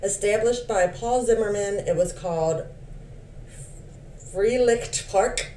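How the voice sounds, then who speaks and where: Lively-voiced woman reading history aloud. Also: on the low side, normal speed. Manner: reads facts with playful asides. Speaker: podcast co-host. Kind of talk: casual chat reading history notes. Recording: roomy, slightly distant mic with faint hiss.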